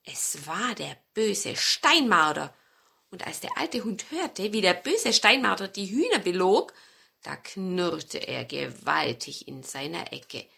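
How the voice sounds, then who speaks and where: A woman telling a fairy tale to children, expressive, with dramatic pauses and dips into a whisper for suspense. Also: lowish voice, gravelly, breathy edge. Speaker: storyteller.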